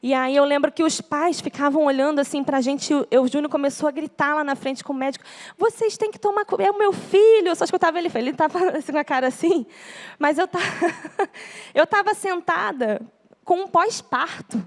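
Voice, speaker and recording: A woman's voice: sits high, fairly quick. A young Brazilian woman with a Brazilian Portuguese accent giving an earnest church testimony to a congregation, acting out the words of others as she tells it. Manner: earnest storytelling, acts out quoted speech.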